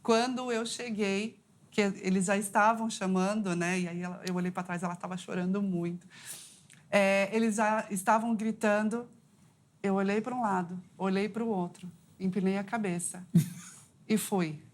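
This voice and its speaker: A woman's voice: steady tone, moderate pace. A woman, a psychologist guest on a talk show, telling a personal story in an earnest, heartfelt way. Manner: heartfelt, earnest storytelling with rising pitch at climaxes.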